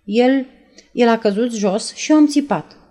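A woman reading aloud and voicing a nervous young woman who retells events in a breathless, halting way. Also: a little high, dark tone, natural voice. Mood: shaken. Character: nervous young woman, shaken after a shooting.

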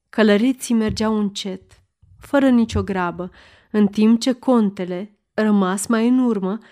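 A woman narrating a historical novel as an audiobook, with steady, measured storytelling. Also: mid-range voice.

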